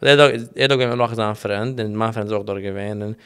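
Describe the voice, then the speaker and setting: A man's voice: on the low side, fairly even intonation, quick pace, fairly bright tone, clean tone. A young man chatting as an interview guest, rambling through his stories with many restarts and English phrases mixed in. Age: young adult. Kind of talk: casual interview chat.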